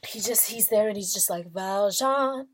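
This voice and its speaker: A woman's voice: mid-range voice, steady tone, fairly quick, a little mellow, husky. A woman vlogger giving a casual, chatty plot summary, swearing freely and using lots of filler words.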